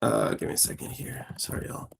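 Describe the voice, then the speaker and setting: A man's voice: brisk, slight background noise. A man hosting a live trading stream, chatting loosely with viewers and friends, full of fillers and slang. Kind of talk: casual livestream chat.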